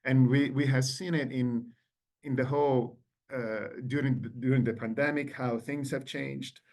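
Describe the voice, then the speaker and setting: A man's voice: mid-range voice, steady tone, measured pace, darkish tone. A man in his forties from Italy with an Italian accent, giving an online lecture as a guest lecturer and engaging the audience with questions over a video call.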